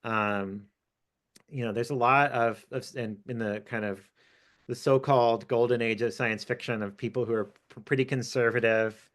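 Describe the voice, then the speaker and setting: An author appearing as a guest speaker talks through an academic discussion, thoughtful and hesitant, with frequent fillers. His medium-pitched voice is steady and fairly bright, at a normal speed.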